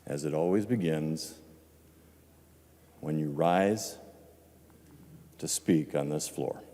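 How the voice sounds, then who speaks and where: Deep-voiced older man in a reverberant chamber. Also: warm tone. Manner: measured, reflective, with dry humor. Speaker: departing state legislator. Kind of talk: farewell floor speech. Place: legislative chamber floor. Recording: long reverb of a large chamber.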